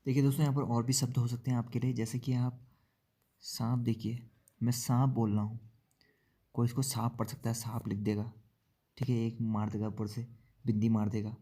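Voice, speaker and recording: A man teaching an exam-prep spelling lesson, explaining slowly, repeating words and asking checking questions. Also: mid-range voice, flat delivery, mellow, breathy edge. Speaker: Hindi teacher.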